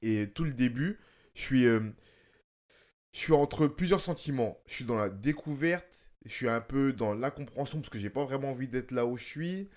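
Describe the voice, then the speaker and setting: A man speaks at a medium pitch in casual conversation, with a lisp that softens his s into a slushy sound. He is emphatic, doubles back on his phrases and keeps checking he is being followed. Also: expressive, moderate pace. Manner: emphatic, repetitive, often checking the listener follows. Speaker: stage actor, guest.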